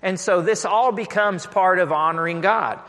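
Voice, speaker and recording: High, bright-voiced Texan pastor preaching. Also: male voice, normal speed. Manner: emphatic, asks the congregation to repeat lines. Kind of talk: sermon. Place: church sanctuary. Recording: long reverb of a church hall.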